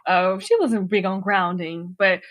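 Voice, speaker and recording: A woman guest in a candid podcast interview, talkative and expressive, often laughing as she tells stories about herself. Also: mid-range voice, unhurried, dry recording.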